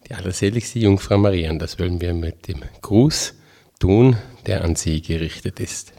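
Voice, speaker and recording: With a low, mellow voice at a moderate pace, a Tyrolean-accented religious brother in his fifties from Tyrol, Austria, gives a group a spiritual talk. His delivery is homely and chatty, self-deprecating and peppered with dialect phrases.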